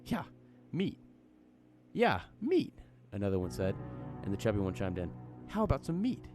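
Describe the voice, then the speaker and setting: A man voicing a croaky creepy masked child demanding meat in a horror story reading. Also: on the low side, wildly swooping pitch, normal speed, darkish tone, faint music behind. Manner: chanting demands.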